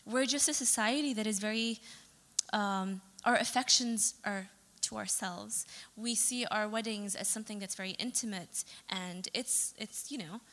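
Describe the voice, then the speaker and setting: A woman's voice: mid-range voice, normal speed, fairly bright tone. A young adult woman, a photographer from Saudi Arabia, giving a chatty presentation talk with fillers and self-corrections. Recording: long reverb of a hall.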